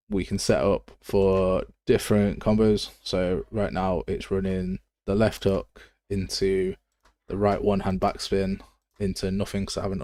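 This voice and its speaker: Blunt and casual, a very deep-voiced Midlands Englishman reasons aloud through a live game development tutorial. His tone is warm, and there's no echo.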